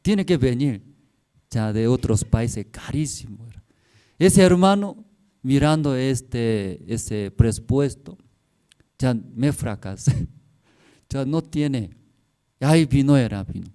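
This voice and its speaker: A man preaching a Sunday sermon as pastor, in simple, halting Spanish with broken grammar, acting out the voices he quotes. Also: medium pitch, expressive, smooth. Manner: acts out quoted voices, rising and falling in loudness. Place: church service, streamed online.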